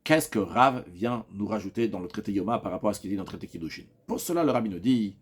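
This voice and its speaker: Animated male Talmud teacher explaining. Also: on the low side, quick pace, slightly rough. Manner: explanatory, lively rising questions, frequent restarts. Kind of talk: Talmud lesson.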